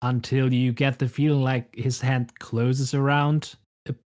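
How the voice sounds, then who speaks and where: A man narrating a tabletop game as game master, unhurried and descriptive. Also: mid-range voice, flat delivery, a little mellow.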